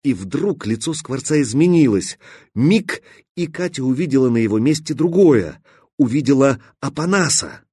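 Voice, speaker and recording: A man with a husky voice narrating an audiobook in a tense, measured way. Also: mid-range voice, expressive, dark tone, dry recording, studio quality. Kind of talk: scripted narration.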